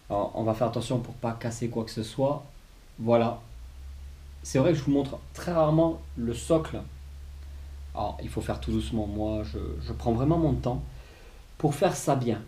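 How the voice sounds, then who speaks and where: This is a male host of a casual collectible review video who has a cold, leaving him slightly stuffed up and low on voice. He speaks in a dark-toned, mid-range voice, hesitating often, restarting, and peppering his lines with "euh."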